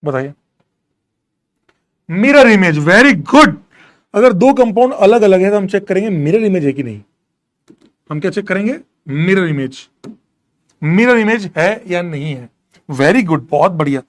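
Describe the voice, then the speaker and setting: A man's voice: high-pitched, animated, a little slow, long pauses. A man lecturing a chemistry class, repeating questions and quizzing his students, mixing terms into his speech. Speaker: chemistry teacher.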